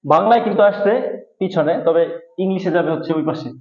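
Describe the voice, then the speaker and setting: A man teaching a grammar lesson, explaining slowly and repeating each rule. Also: sits high, gravelly. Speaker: English teacher. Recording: echoey room over a thin phone-like line.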